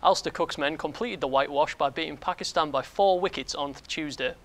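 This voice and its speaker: A man presenting sports news, reading a script briskly with occasional slips. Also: a little high, fairly bright tone.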